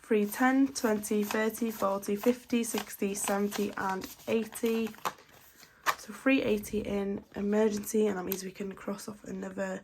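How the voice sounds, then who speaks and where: Background noise accompanies a budgeting vlogger in her 20s as she chats and steadily counts notes aloud. Her voice is medium-pitched and slightly congested from a cold.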